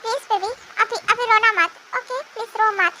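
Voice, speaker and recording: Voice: very high-pitched, normal speed. A fan dubber voicing a patient young husband and father who sounds soothing, indulgent and mildly exasperated. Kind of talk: amateur fan dub. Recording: noisy home recording.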